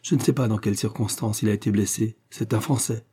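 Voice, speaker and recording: Man doing a jovial farmer guy, earnest, low husky voice. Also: steady tone, quick pace, mellow. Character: hearty loyal French farmer, middle-aged.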